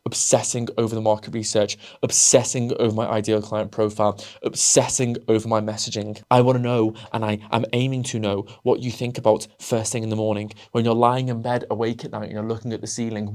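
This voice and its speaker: A man's voice: mid-range voice, a little mellow. A man talking straight to camera as a business coach, blunt and full of swearing, acting out both sides of imagined conversations. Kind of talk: motivational monologue to camera.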